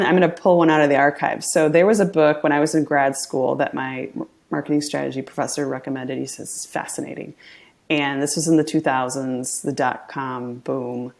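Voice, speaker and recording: Brief: middle-aged woman, podcast guest, low gravelly voice, chatty and upbeat. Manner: upbeat, laughs often, chatty storyteller. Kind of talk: casual interview chat.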